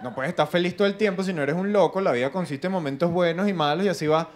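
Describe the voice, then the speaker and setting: A young man with a Venezuelan accent doing a stand-up comedy routine, animated and acting out other people's voices. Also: high-pitched, fast talker. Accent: Venezuelan Spanish. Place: live comedy stage with audience.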